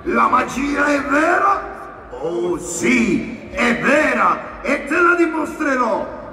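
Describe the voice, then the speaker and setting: A man's voice: very high voice, big pitch swings, takes it slowly, heavily acted. Showman genie, Neapolitan accent, bombastic, theatrical, echoey and far from the mic, singing patter. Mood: grandiose. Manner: bombastic, declaiming, teasing his master. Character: boisterous showman genie of the lamp, male. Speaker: stage performer in a carnival show. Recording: echoey, distant, loud music over voice.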